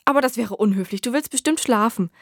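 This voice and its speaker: A woman's voice: fairly high pitch, fast talker, breathy edge, no room sound, studio quality. A woman voicing a friendly, outgoing teenage boy in a read-aloud story, asking eager, open questions.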